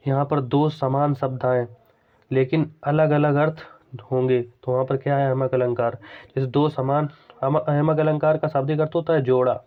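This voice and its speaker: Hindi teacher with a tinny phone-like sound. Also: male voice, mid-range voice. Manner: explains patiently, repeats key terms, slows to recite examples. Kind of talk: exam-prep grammar lesson.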